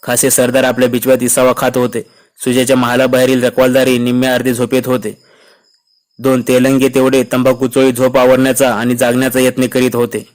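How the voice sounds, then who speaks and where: Guy reading a history novel out loud, super flat steady voice. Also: medium pitch, brisk. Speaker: narrator.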